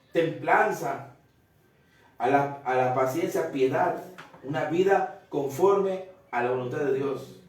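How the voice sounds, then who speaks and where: Preaching at a family Bible study, this man's voice sits on the high side and is picked up by a distant mic in a very echoey room. He speaks earnestly, repeats phrases, and puts questions to those listening.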